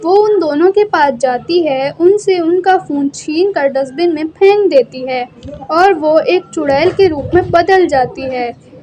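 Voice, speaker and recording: A woman gives scripted narration for a cartoon story, steady and even. Her voice is high. A faint background noise runs under the recording. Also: a little slow.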